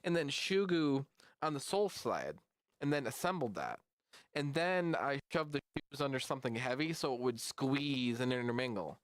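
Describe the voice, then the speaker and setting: A man's voice: medium pitch, big pitch swings, normal speed, no echo. A man streaming live, chatting casually with his viewers in a rambling way while reacting to memes. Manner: rambling and chatty, talks to chat.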